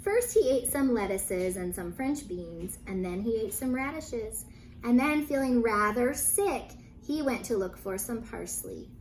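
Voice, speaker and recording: Reading a children's story to young listeners, this woman teacher adds lively emphasis, dramatic pauses and quick asides to the kids. Her pitch is fairly high, and the low-quality recording carries a light hiss or hum.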